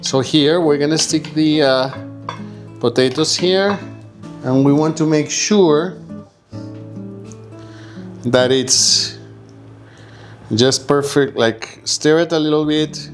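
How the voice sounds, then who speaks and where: A home cook from Egypt talks casually while cooking in his kitchen, improvising and checking in with his listeners as guitar music plays. His voice is on the high side, and he speaks slowly with long pauses.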